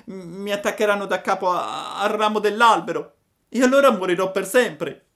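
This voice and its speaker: Pinocchio, a wailing puppet boy. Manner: wailing, stammering, high and loud. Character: sobbing wooden puppet boy, desperate and pleading. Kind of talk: storybook reading.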